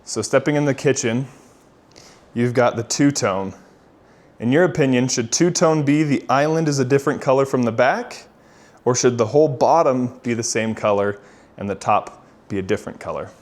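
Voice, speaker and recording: A man's voice: mid-range voice, normal speed. A man working as a real estate agent gives a casual walk-through home tour in an upbeat, enthusiastic manner.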